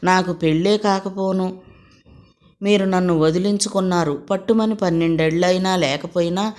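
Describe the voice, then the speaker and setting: A woman's voice: on the low side, fairly even intonation, normal speed, lightly acted. A woman voicing a proud, resentful elder daughter. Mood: angry. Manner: sharp, indignant.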